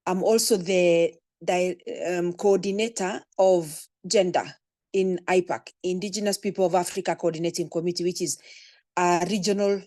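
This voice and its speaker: A woman from Kenya speaks on a video call with her camera off, her voice low and recorded dry. She is friendly and halting, with frequent fillers. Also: darkish tone, no echo. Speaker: panelist, community organizer. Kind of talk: webinar self-introduction.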